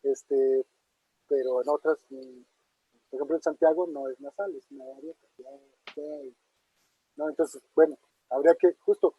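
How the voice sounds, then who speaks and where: A man's voice: fairly high pitch, fairly even intonation, moderate pace, pauses often, breathy edge. A man answering audience questions in a casual academic talk, thinking aloud with many fillers and tag questions. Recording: dull muffled online talk audio.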